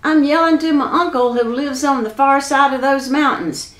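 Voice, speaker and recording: A woman's voice: high voice, fairly even intonation, moderate pace, a bit bright, echoey room, voice pushed up. A woman doing sly folksy young country man. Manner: folksy drawling dialect.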